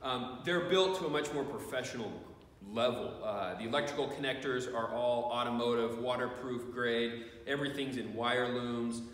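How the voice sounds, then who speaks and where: A man in his forties talks through an equipment review in a big farm shed, rambling and plainspoken, full of fillers and false starts. His voice sits in the middle range, a bit bright, at a moderate pace. The camera is some distance away, so he sounds far off, with the shed's echo around him.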